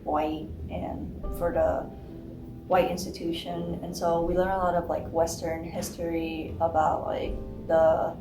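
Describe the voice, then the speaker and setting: A young adult woman gives emphatic answers, sprinkled with fillers. Her voice is slightly low. Guitar plays clearly behind her in a roomy, echoing space. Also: level tone, unhurried. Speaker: student interviewee. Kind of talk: casual interview answer.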